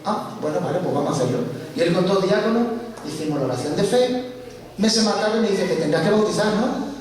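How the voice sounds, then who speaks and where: Animated man telling his story in an echoey hall. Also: high-pitched, brisk. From Spain. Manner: animated storytelling, acts out quoted dialogue. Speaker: guest speaker giving testimony. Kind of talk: church testimony. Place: large church hall. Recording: echoey church hall from far off, faint hiss.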